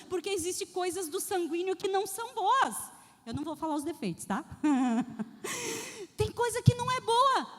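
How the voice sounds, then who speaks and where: Very high-voiced woman preaching in a church. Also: slight background noise. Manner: lively preaching, acts out voices in stories; addresses the congregation directly. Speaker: pastor. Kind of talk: sermon. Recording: long church hall reverb.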